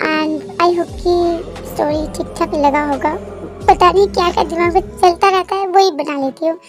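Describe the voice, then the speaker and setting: A woman's voice: extremely high pitch, fairly even intonation, normal speed, music in the background. A woman narrating a fan story in a chatty, casual voice-over, explaining things directly to her viewers.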